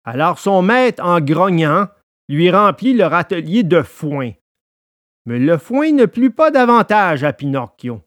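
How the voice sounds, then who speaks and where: A man narrating a storybook in an expressive, lively way. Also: high-pitched, measured pace, no echo, studio quality.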